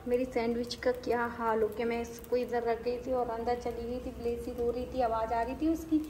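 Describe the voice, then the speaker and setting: High-voiced chatty young mother. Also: flat delivery, moderate pace. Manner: chatty, repeats words for emphasis; sing-song baby talk to her daughters. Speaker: vlogger and mother. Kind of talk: casual home vlog chat. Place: at home. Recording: noisy home recording.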